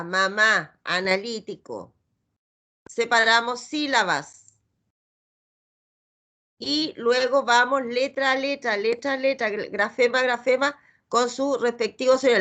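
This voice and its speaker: A woman's voice: fairly high pitch, bright, forceful tone. A middle-aged woman with a Chilean accent teaching a reading lesson, patiently sounding out letters and syllables. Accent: Chilean Spanish.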